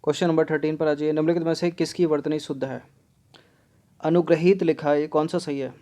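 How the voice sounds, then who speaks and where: A man teaching an exam-prep grammar lesson, repeating words slowly and explaining each answer step by step. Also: on the high side, fairly even intonation, mellow. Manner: explains step by step, often says 'theek hai'.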